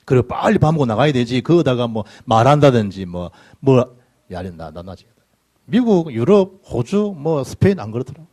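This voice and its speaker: Animated middle-aged pastor, husky. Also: male voice, medium pitch, normal speed. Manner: animated storytelling, dialect speech, sudden loud bursts. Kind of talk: sermon with personal anecdotes. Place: church sanctuary.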